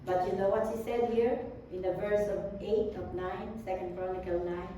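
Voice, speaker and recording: Female preacher, slow and mellow, halting delivery; distant mic, big echo. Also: medium pitch, steady tone. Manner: slow, halting with many fillers and restarts. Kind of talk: sermon. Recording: distant echoey room with faint background noise.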